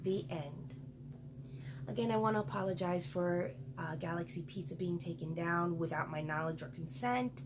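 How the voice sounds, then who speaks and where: A woman's voice: fairly low pitch, a little fast, hardly any pauses, background noise. Woman reading a picture book aloud. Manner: adds chatty asides to the listener. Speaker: storyteller for children.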